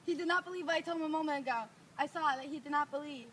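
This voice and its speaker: A woman's voice: high voice, rapid-fire, fairly bright tone, far from the mic, a little hiss or hum. A young woman voicing Roxane, a young woman in love, in an eager amateur school play reading. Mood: anxious. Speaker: student actor.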